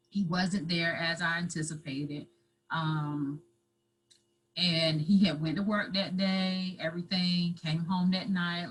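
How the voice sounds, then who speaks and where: A woman guest telling her own story in an interview, halting and repeating herself, at times close to tears. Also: fairly low pitch, slight background noise, low-quality recording. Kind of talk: emotional personal storytelling.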